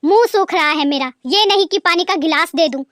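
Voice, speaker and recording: A sharp-tongued older mother-in-law in a cartoon, as a woman puts her on, high-pitched and loud. Her scolding is harsh and commanding. The recording is dry and close. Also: moderate pace, no room sound.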